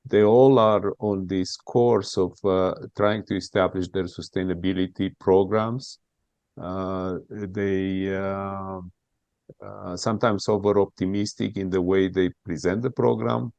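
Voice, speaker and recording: Low-voiced, halting male interviewer. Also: a little mellow, no room sound. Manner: hesitant, halting phrasing. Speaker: interviewer, host. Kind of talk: conversational interview.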